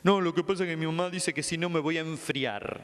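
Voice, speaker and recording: A man's voice: fairly high pitch, brisk, fairly bright tone, long reverb tail, close to an everyday voice. A man voicing an anxious, defensive twelve-year-old boy patient with a Rioplatense Spanish accent.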